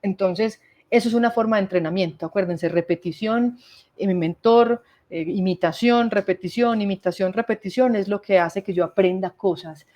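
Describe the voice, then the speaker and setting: Woman leading a workshop, mid-pitched, explaining patiently with lists and rhetorical questions. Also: moderate pace, dark tone. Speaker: workshop speaker. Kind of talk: instructional talk on communication.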